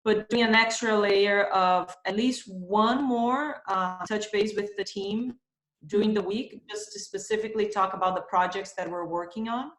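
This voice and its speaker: A woman's voice: medium pitch, normal speed, fairly bright tone, roomy sound. A woman in her thirties, from Brazil, speaking thoughtfully with many fillers as an interview guest on a video call from home. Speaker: marketing executive guest. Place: home in Spain.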